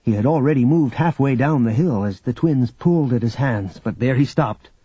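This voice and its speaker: A man narrating an audiobook in scripted narration, with even, measured storytelling. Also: medium pitch, breathy edge, no echo. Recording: dull audio with faint background music.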